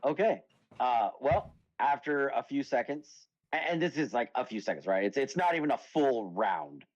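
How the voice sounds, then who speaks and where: A man's voice: mid-range voice, expressive, normal speed, highs cut off. A man narrating as game master in a tabletop game, rambling with lots of fillers and breaking into laughter easily.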